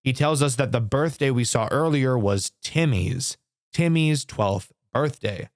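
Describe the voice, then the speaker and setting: A man's voice: mid-range voice, a little slow, no room sound, studio quality. A young man giving casual game review commentary as a YouTuber, candid and swearing freely. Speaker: gaming YouTuber.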